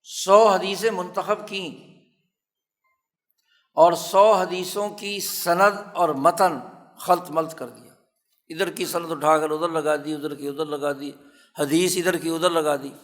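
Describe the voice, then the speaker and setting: In a formal lecture on hadith, a male religious scholar with a Pakistani Urdu accent narrates slowly and deliberately, repeating key phrases for emphasis. His voice is fairly bright, somewhat high for a man, and fairly even in intonation, with long reverb from the lecture hall around him.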